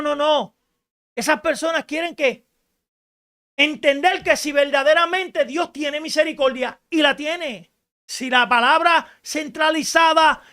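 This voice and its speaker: A woman preaching a radio sermon in an emphatic style, rising to shouts and asking rhetorical questions. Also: high voice.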